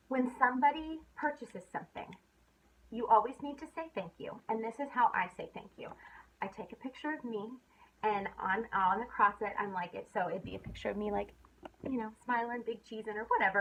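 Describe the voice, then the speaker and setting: A woman's voice: medium pitch, a bit bright, a little hiss or hum. A young woman giving a casual sales training talk, chatty and full of fillers, sometimes acting out upbeat messages. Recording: dull lo-fi recording.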